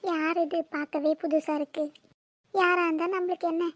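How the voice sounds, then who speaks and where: A woman's voice: extremely high pitch, level tone, no room sound. A woman voicing a nervous young teacher on her first day in a cartoon, talking in a fretful rush. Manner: fretful, hurried.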